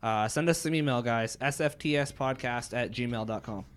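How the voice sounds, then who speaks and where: A man co-hosting a casual podcast who keeps the talk light with wry jokes. His pitch is average for a man. He reads out contact details in an easy, offhand way. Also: normal speed. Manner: joking, wry asides. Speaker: podcast co-host. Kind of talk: casual chat.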